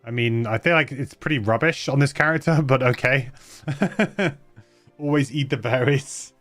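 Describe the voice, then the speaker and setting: Streamer: man, mid pitch, casual wry chat, faint music behind. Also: moderate pace, a bit bright. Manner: wry, chuckling asides. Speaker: streamer playing a game.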